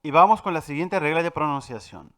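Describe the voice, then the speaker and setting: A man teaching a French pronunciation lesson, clear and patient, repeating each example word slowly and with stress. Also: a little high, fairly bright tone. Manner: addresses viewers directly, with filler "eh". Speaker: language teacher.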